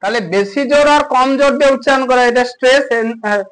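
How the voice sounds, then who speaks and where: A man teaches a grammar lesson to students, repeating points and asking questions to check understanding. His voice is very high-pitched, quick and a bit bright, and the recording is rough.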